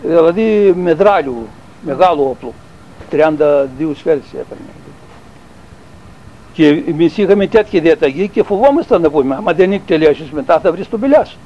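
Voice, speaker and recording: Older man, fairly high voice, rambling oral-history teller, dull lo-fi tape. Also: animated. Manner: rambling, halting, with restarts and fillers. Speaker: interviewee recalling army service.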